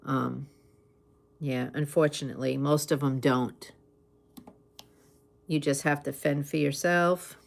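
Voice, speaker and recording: A woman chatting casually in an unhurried, conversational way, with pauses as she replies to listeners. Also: low voice, fairly even intonation, creaky. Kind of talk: casual chat.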